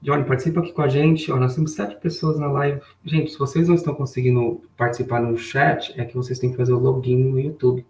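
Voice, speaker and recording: A man's voice: medium pitch, little pitch movement, darkish tone. Man teaching English, roomy distant mic. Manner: bilingual, repeats English phrases slowly for learners; chatty, greets chat viewers by name. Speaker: English teacher on a live stream. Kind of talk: live online English lesson. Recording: roomy sound, mic a bit far off.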